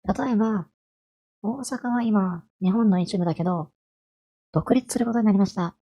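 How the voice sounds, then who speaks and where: A woman's voice: mid-range voice, normal speed, dark tone, husky. A woman in her twenties giving a chatty, friendly explainer lesson on language, asking her listeners rhetorical questions. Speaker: language vtuber.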